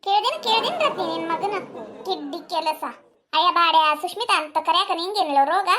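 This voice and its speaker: A woman's voice: very high-pitched, animated, brisk, very noisy. A woman voicing a fiery, protective village mother in a cartoon, scolding and threatening with a North Karnataka accent. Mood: angry. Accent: North Karnataka Kannada.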